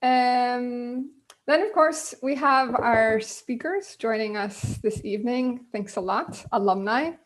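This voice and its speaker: A woman's voice: a little high, slow pace. Chatty woman hosting an online panel. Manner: loose, with many ums. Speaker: host. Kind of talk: casual online panel chat. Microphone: video call.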